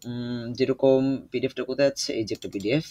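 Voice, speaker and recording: A young man teaching an online Quran recitation class, patient and repetitive, often pausing with hesitations. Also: medium pitch, steady tone, dark tone. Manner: patient, repeats instructions, many hesitations.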